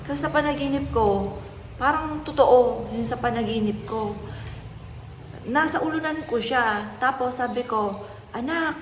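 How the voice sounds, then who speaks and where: Mom, soft earnest storytelling, roomy echo, bit of hiss. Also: female voice, on the high side, unhurried, long pauses. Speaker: mother sharing a story. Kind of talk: casual vlog talk. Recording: echoey room with faint noise.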